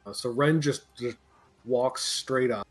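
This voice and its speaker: A man's voice: mid-range voice, slow pace, over music. A man talking casually as a player in a tabletop game, describing his moves.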